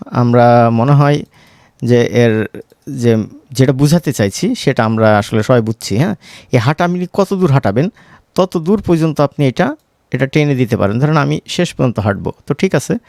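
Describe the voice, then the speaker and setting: A man with a Bangladeshi Bengali accent gives a casual screen-recorded software tutorial, conversing with viewers and checking in through short question tags. His voice is mid-range, gravelly and darkish, recorded without echo.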